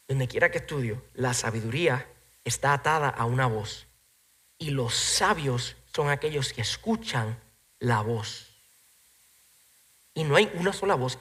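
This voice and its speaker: A pastor delivering an animated sermon. His voice sits high and bright, climbing to loud, emphatic peaks before settling back down. He drops the odd English phrase into his preaching.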